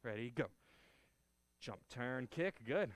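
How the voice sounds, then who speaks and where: Man giving sharp martial arts commands. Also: mid-range voice, animated, takes it slowly. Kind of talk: live online karate class instruction.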